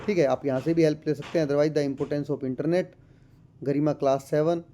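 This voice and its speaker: A man tutoring schoolchildren through a textbook chapter, reading lines slowly and explaining them. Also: fairly high pitch, fairly even intonation, dark tone. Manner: reads English lines slowly, explains in Hindi addressing children.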